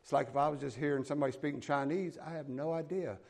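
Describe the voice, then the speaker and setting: Talking fast in a slightly high voice with a darkish tone, a man from the American South preaches a sermon. In a Southern accent, he reads scripture aloud and explains it in down-to-earth, folksy terms.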